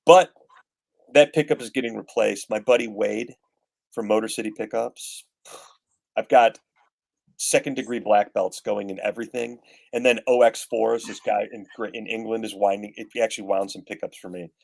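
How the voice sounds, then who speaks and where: A man's voice: lowish voice, steady tone, normal speed, gravelly, darkish tone. A man in his fifties chatting casually as a guest guitarist, rambling with gear-nerd enthusiasm. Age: 50s. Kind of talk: casual chat.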